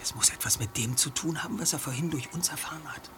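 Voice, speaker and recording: A man's voice: on the high side, lively intonation, normal speed, background noise. A man acting a self-assured young detective leader in an audio drama, articulate and commanding. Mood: hushed, deducing.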